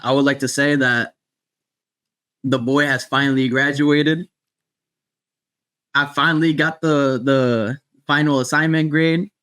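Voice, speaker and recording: A man's voice: medium pitch, steady tone, unhurried, pauses often, a bit bright, clean tone, no room sound. A man co-hosting a podcast, bantering in casual street slang and swearing freely. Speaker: podcast co-host.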